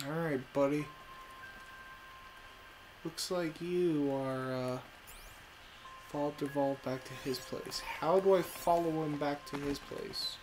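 A man's voice: on the high side, low-quality recording. A man giving casual, sweary let's play commentary, muttering informally to himself as he plays. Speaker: gamer playing through an adventure game. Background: game music.

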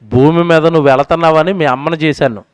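A preacher voicing God, soft and fatherly. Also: steady tone, quick pace, clear, resonant tone, no room sound, natural voice. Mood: tender warning. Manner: soft, low and tender. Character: gentle fatherly God speaking to a newborn.

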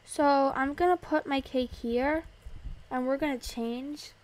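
A young woman giving casual, excitable commentary as she plays a video game, gasping and squealing at surprises. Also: high-pitched, takes it slowly. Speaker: gaming video host.

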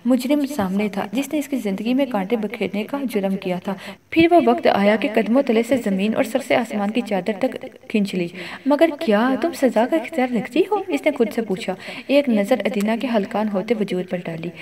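A woman reading a novel aloud as audiobook narrator, with steady storytelling. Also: mid-range voice, crowd noise.

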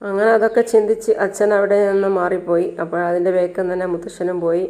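A woman recounts a serial's events in a casual, unhurried spoken retelling. Her voice sits on the low side and stays fairly level, with little rise and fall. She quotes each character's lines without acting them out. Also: little pitch movement, dark tone. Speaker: storyteller retelling a TV serial episode.

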